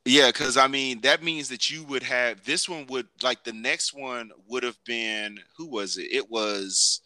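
A man hosts a laid-back podcast, chatting in a slangy, rambling way and frequently restarting sentences. His mid-range voice is very bright and sharp, unhurried, and captured close and dry.

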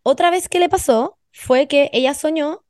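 A young woman with a Chilean accent carries the podcast, spinning stories in quick, slangy, animated chat full of swearing. Her voice sits a touch high and is captured close and dry, with no room sound. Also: no echo. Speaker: podcast host. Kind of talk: casual chat.

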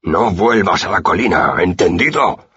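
A man voicing a brutal, menacing city guard who pants and jeers slowly, in a dull, dry recording. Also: deep voice, lively intonation, pushed and bright, slightly rough, no room sound, voice pushed up, heavily acted. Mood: angry. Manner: panting, threatening, slow jeering.

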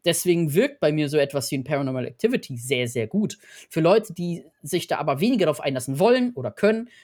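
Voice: medium pitch, lively intonation, quick pace, darkish tone. A podcast co-host, chatting casually about films in a hesitant, thoughtful way that searches for words. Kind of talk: casual film chat.

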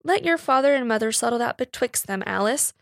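A woman's voice: a little high, expressive, brisk, gravelly, dry recording, clean studio sound. A woman voicing an honest working-class young man who speaks in plain rustic dialect. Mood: earnest.

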